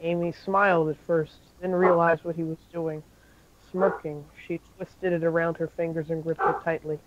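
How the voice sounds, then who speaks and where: A man's voice: on the high side, level tone, moderate pace, lo-fi sound, background noise. A man reading a fan-fiction story aloud in an amateur style, with occasional slips and self-corrections.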